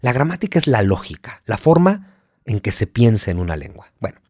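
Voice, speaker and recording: A man's voice: mid-range voice, sing-song, fairly quick, darkish tone, husky, no room sound, studio quality. A man with a Mexico City accent, speaking as a guest in a podcast interview, passionate and emphatic, piling up points with rising energy. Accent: Mexico City Spanish. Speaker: guest historian.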